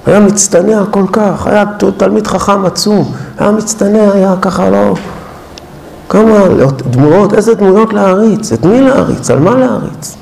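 A man delivers a fervent holiday sermon, firing off rhetorical questions. His voice sits high for a man. The room around him rings with a noticeable echo. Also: creaky, darkish tone, a little hiss or hum. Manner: impassioned, full of rhetorical questions. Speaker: preacher. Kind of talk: Hanukkah sermon.

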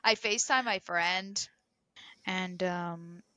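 A young woman casually telling a story on a podcast, animated and full of fillers. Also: on the low side, no echo. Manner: animated, filler-heavy storytelling with quick bursts. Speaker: podcast co-host.

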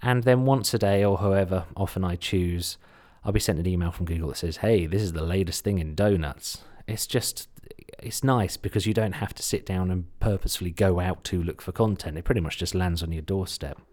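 Male podcast host, deep voice, light Suffolk accent. Chatty, informal explainer with self-deprecating asides. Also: a little fast, few pauses, darkish tone. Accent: slight Suffolk English. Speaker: podcast host, content marketer. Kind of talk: casual instructional talk, solo podcast.

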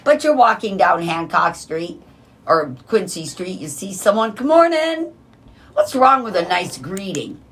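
A cheerful woman co-hosting casual morning radio banter. Her voice sits a little low but swings widely in pitch. She breaks into sing-song greetings as she talks. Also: very animated, unhurried, fairly bright tone. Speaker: radio co-host.

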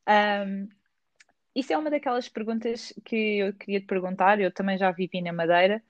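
A woman with a Lisbon Portuguese accent hosts a podcast, casually interviewing a guest and laughing often. Her medium-pitched voice holds a steady tone at a moderate pace. The remote recording is dull-sounding but has no echo.

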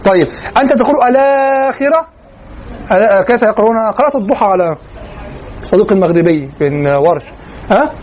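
A male lecturer with an Egyptian accent, talking quickly in a fairly high voice. He swings between colloquial and formal Arabic and keeps quizzing his class. The recording is dull and lo-fi, with a faint hiss underneath. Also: a little mellow. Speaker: lecturer in Quranic sciences.

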